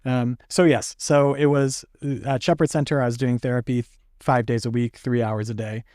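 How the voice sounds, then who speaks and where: A young man, a stroke survivor appearing as a podcast guest, tells his story candidly in casual conversation, with lots of fillers and the occasional laugh. His mid-range voice is steady and a bit dark, at a normal speed. The studio-quality recording has no echo.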